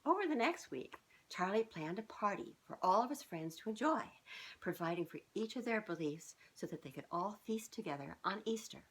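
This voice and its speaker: A woman in her fifties reads a children's book aloud in a mid-range, slightly rough voice at a moderate pace. Expressive and informal, she regularly breaks off to chat with young listeners. The recording comes from a camera a short distance from her living room sofa, indoors.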